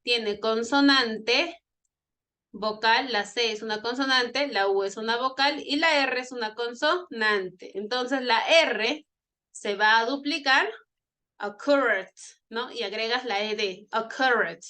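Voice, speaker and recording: A woman's voice: a little high, slow pace, sharp tone. A woman teaching an online English grammar class, explaining patiently, repeating herself and checking in with her students. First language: Spanish.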